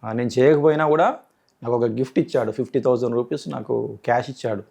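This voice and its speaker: A man's voice: medium pitch, fast talker, creaky, dark tone, breathy edge. A man, an interview guest boastfully recounting his auditions. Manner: boastful, insistent storytelling. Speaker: interview guest, aspiring actor. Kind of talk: casual interview.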